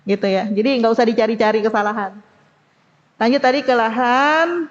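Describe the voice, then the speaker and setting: A woman teaching Quran recitation to a study group, slowly demonstrating sounds and asking the class to repeat after her. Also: on the high side, in a large hall, lo-fi sound. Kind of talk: women's study group lesson.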